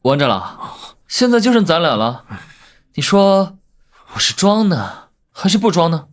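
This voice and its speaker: A man voicing the brash, mocking male lead of an animated series, who swears under his breath. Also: on the high side, unhurried. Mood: taunting. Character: cocky male ring spirit, brash and crude. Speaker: lead character.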